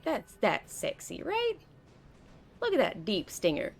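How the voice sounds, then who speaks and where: Streaming her gameplay, a young woman talks casually and rambles, interrupting herself mid-sentence again and again. Her mid-range voice has vocal fry and swoops wildly in pitch, though her pace stays measured.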